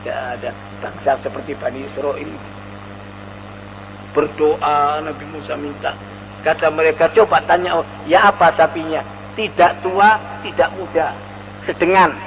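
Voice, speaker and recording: A male Islamic preacher, telling a scripture story in a lively sermon and chanting verses slowly. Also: sits high, in a large hall, dull audio, noisy background. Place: mosque hall.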